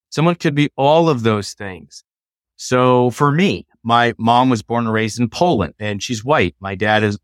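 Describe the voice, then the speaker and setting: A middle-aged man, a law professor, explaining ideas in a measured, lecturing way during a conversation. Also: mid-range voice, a bit bright, no room sound, studio quality.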